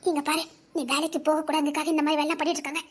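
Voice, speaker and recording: A woman's voice: sits high, flat delivery, racing, pitched below the performer's own voice, close to an everyday voice. Woman doing a firm, supportive girlfriend. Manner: firm, reassuring advice. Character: firm, supportive female friend. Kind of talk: web drama acting.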